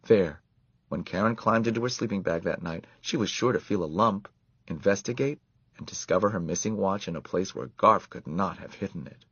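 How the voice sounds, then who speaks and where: A man reading a children's story aloud in an expressive, animated way. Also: low voice, normal speed, breathy edge, dry recording. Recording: dull lo-fi dry recording.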